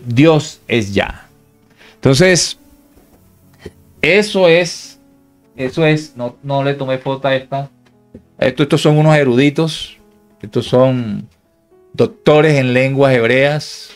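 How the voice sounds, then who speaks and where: A man teaching a Bible lesson at church. He reads verses aloud, explains them slowly and asks the audience questions like "yes or no?". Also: medium pitch.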